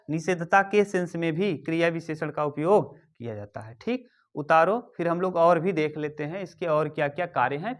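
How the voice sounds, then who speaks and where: A man's voice: high voice, fairly bright tone. Man teaching grammar, quizzing his class. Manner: repeats key terms, quizzes and dictates to students. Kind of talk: exam-prep grammar lesson.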